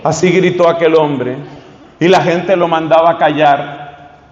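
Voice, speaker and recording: A man, a priest preaching a fervent sermon that rises to loud calls and leads the crowd in repeated chants. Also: fairly high pitch, fairly even intonation, measured pace, slight background noise. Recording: echoey hall, dull sound.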